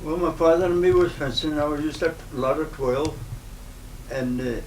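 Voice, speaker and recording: A man in his nineties with a broad Scottish accent, reminiscing informally in a halting, rambling way in dialect. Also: on the high side. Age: 90s. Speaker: interviewee, retired farm worker. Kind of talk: informal oral-history reminiscence. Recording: roomy, noisy, distant microphone.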